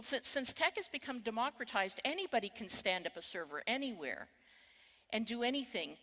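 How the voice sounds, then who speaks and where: Delivering a keynote from a conference stage, an older Texan woman is wry and candid, swearing now and then. Her medium-pitched voice is bright and forward, ringing with the long reverb of a large hall.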